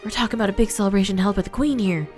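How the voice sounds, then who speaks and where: A woman's voice: medium pitch, rapid-fire, a little mellow, faint music behind, pitched above the performer's own voice, natural voice. A woman voicing a brash, impatient young male reporter who scolds and hurries people along.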